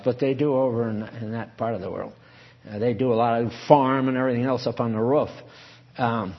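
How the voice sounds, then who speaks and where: An older man teaching from the Bible in a conversational, off-the-cuff way, reading verses aloud and then explaining them with asides. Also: on the high side. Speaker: preacher. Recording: dull lo-fi recording.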